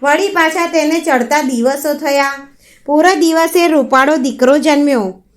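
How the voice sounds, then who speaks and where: A woman narrating a devotional folk story in a steady, even read-aloud manner. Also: high-pitched, measured pace.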